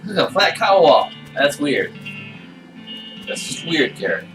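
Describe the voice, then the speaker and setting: A man's voice: a little high, big pitch swings, unhurried. A man giving casual playthrough commentary, thinking aloud in a playful mutter as he plays. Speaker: gamer playing and narrating a game. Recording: distant mic, game music behind.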